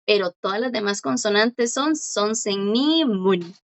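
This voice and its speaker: A woman teaching a language class online, patiently explaining and slowly repeating words for her students. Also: medium pitch, expressive, highs cut off.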